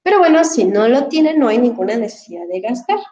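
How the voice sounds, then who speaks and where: A woman's voice: fairly high pitch, big pitch swings, fast talker, dark tone, highs cut off. A woman, an English teacher explaining a dictionary app to her students in an online class, patient and full of fillers, speaking into a headset. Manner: explanatory, addresses students formally, many fillers.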